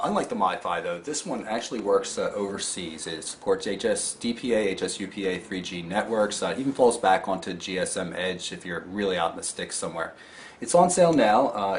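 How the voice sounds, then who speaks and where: A low-voiced man casually explains a gadget in a matter-of-fact way, much like a reviewer walking through a product. Background noise is clearly audible in the recording.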